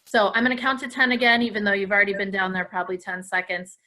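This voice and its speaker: The recording is low quality. A woman with a medium-pitched voice that comes across pushed and bright talks fast while running a live stretching lesson for children at home; she's a dance class host who encourages them and praises often.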